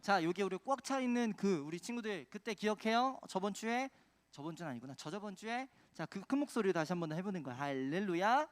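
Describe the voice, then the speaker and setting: A man's voice: high voice, lively intonation, quick pace. A man preaching a children's sermon, quizzing the kids with call-and-response questions. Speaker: children's pastor.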